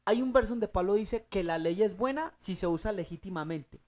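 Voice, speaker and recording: A Bible teacher leading a study group, emphatic, putting questions to the audience and answering them, with loud rising bursts. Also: mid-range voice, expressive, a little fast.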